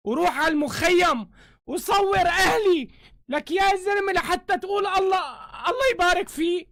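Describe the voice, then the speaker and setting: Heated Syrian man ranting, high voice. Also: no echo, clean studio sound. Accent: Syrian Arabic. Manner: heated, swears oaths, shouts in bursts. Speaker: live streamer. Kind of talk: angry live-stream rant. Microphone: phone camera.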